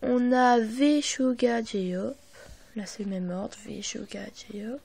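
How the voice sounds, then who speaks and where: A woman's voice: fairly high pitch, steady tone, slow, gravelly, darkish tone, breathy edge. A young woman narrating a casual unboxing, hesitant and apologetic, with many fillers, often dropping to a half-whisper, recorded on her phone. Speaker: vlogger.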